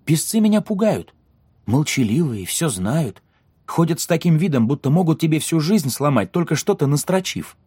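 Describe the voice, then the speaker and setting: A woman's voice: sits low, big pitch swings, moderate pace, mellow, slightly rough, dry recording, studio quality, voice pushed down, exaggerated voice. A woman doing a wary young male cadet. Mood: uneasy.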